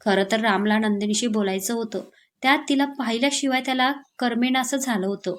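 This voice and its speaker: Brief: woman storyteller, steady scripted narration of a romance, slightly high voice. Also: a little fast.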